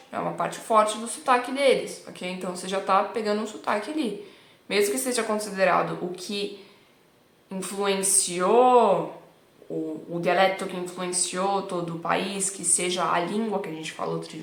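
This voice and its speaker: A woman's voice: on the low side, creaky, echoey room. A woman from Milan, a native Italian speaker with a Milanese accent, teaching in a chatty, casual way and checking in with her students often. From Milan, Italy. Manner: chatty, keeps checking in with "tá bom?". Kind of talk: casual online lesson.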